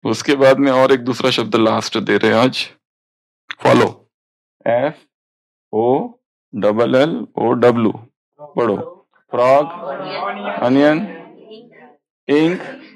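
A man's voice: medium pitch, slow, long pauses. A man teaching a spiritual study class, explaining points and prompting students to read aloud.

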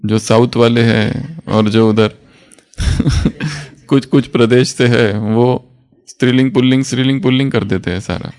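A man's voice: medium pitch, fairly even intonation, a little slow, long pauses, darkish tone. A man giving a spiritual class talk as a teacher, asking his listeners questions and answering them himself, chuckling often while he explains.

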